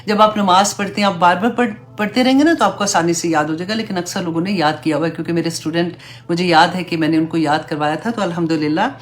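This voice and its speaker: Earnest woman teaching an Islamic class. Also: fairly low pitch. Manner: recites Arabic prayer slowly, then explains each phrase; earnest, conversational, mixes in English fillers. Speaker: religious teacher.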